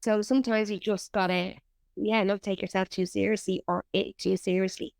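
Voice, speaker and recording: A woman's voice: medium pitch, flat delivery, normal speed, creaky, darkish tone, no room sound, studio quality. A woman, an actor and writer, chatting candidly in an interview and swearing freely. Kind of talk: casual interview chat.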